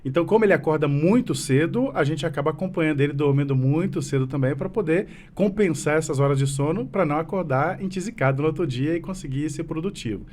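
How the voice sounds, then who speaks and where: In a casual interview, a man in his thirties who heads a business association and is appearing as a guest answers questions earnestly, rambling and restarting often. He's from Minas Gerais, Brazil, and his mineiro accent is fading. His voice is on the high side and a little mellow, and he talks fast with few pauses.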